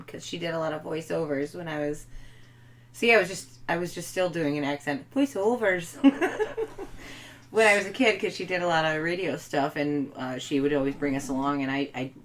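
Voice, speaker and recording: A woman's voice: sits low, brisk, fairly bright tone. A woman co-hosting a casual home podcast, talking freely with lots of "like" and fillers. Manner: chatty, filler-heavy, lots of "like". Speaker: podcast co-host. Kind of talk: casual chat.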